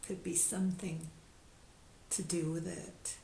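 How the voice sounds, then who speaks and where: A woman spiritual teacher telling a story in a soft-spoken, reflective way, halting with pauses. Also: lowish voice, level tone, creaky. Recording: echoey room with faint hiss.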